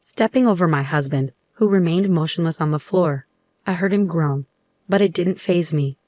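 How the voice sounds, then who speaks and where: A woman narrating a first-person story in a steady, scripted read. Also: fairly low pitch, moderate pace, dry recording, studio quality.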